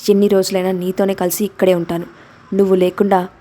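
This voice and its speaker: An arrogant husband who talks down with quiet intensity, read by a woman narrator. The voice stays mellow and low-key rather than acted out. Storybook romance reading. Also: level tone, fast talker, lightly acted. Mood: assertive. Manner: intense, pleading then domineering. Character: brooding possessive husband, proud, arrogant.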